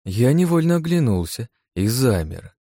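A man reading a first-person adventure audiobook in a steady, measured storytelling voice. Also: mid-range voice, breathy edge, no room sound. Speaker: audiobook narrator. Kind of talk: first-person scripted narration.

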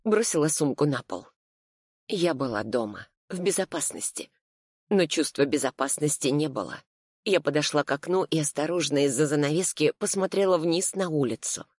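A woman's voice: sits low, dry recording, studio quality. A woman reading a first-person thriller in a tense, suspenseful narration. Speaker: audiobook narrator.

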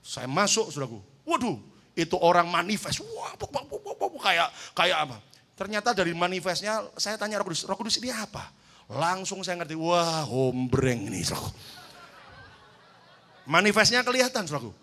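A male pastor delivers a fiery sermon in a high, bright, ringing voice. He tells stories between exhortations and swings from easy talk to loud shouts, calling the congregation for amen. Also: very animated, fairly quick. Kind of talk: sermon with storytelling.

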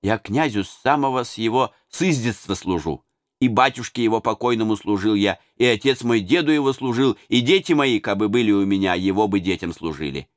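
A man's voice: lowish voice, expressive, fairly quick, no echo, studio quality, lightly acted. Man doing a humble folksy old servant. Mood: mournful. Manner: folksy, deferential. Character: humble old male servant, plain-spoken. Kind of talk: audiobook character voice.

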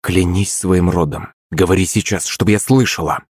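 A man voicing a sharp-tongued, imperious middle-aged princess in an audiobook, speaking in a cold, cutting, scolding tone. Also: deep voice, normal speed, slightly rough, no echo, studio quality. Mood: icy. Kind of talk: audiobook character voice.

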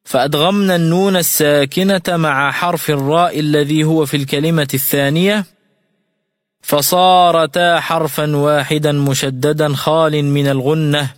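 Radio recitation teacher, man, fairly high voice, clear patient explanations, long hall reverb. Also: clean studio sound. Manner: explains rules clearly, then recites examples slowly and melodically. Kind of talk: radio lesson on Quran recitation.

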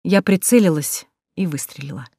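A woman's voice: fairly low pitch, normal speed, vocal fry, mellow, no echo, clean studio sound. A woman reading a first-person audiobook with tense, dramatic storytelling. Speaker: audiobook narrator.

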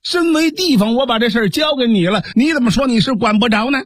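A man's voice: extremely high pitch, fast talker, husky, no echo, clean studio sound, voice pushed up. A man voicing a bold, commanding male imperial guard hero who blusters and threatens in a storytelling performance. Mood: angry.

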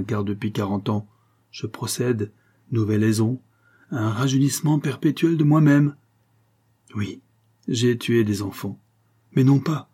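A man's voice: medium pitch, dark tone, slightly rough, natural voice. A man voicing a very old male mesmerist who feverishly confesses to stealing life from children. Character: ancient male mesmerist confessing his crimes.

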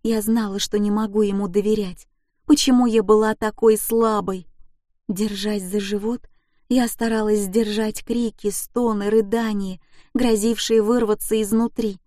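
A woman's voice: mid-range voice, flat delivery, measured pace, warm tone, no room sound, clean studio sound. A woman reading an emotional first-person audiobook in a gripping, intense way. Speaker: audiobook narrator.

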